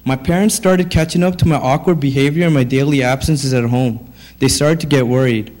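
Thirties guy reading his testimony at church, steady read-aloud tone. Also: medium pitch, a little fast. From Sri Lanka, raised in Canada. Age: 30s. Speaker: testimony speaker.

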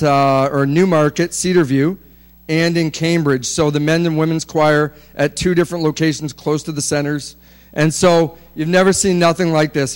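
A man's voice: a little high, clean tone. A man presenting a ministry's work from slides to a congregation, joking and using many fillers. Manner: joking, filler-heavy, chatty.

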